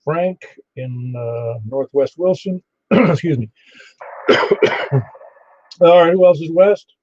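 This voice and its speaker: A man working as a ham radio net controller, halting and easygoing as he takes an informal roll call. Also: on the high side, mellow. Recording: dull band-limited ham radio audio.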